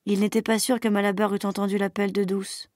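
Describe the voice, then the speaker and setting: Woman, teacher, reading a novel aloud, steady narration, mid pitch, dry recording. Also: a little fast, no echo.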